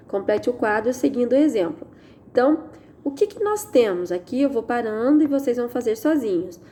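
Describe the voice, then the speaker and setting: A Brazilian woman teacher walks through textbook exercises in a recorded lesson, her voice a touch high yet warm and mellow. She talks patiently, slows down on the sounds she wants to stress and keeps checking that students follow. A faint hiss of noise sits behind her. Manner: patient, checks understanding with tag questions. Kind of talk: recorded online Portuguese lesson.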